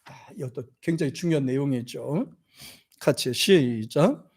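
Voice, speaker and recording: A man's voice: medium pitch, expressive, a little slow, a little mellow. A man preaching a church sermon as pastor, acting out scripture figures in quoted lines and leading the congregation in reading verses together. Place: church sanctuary.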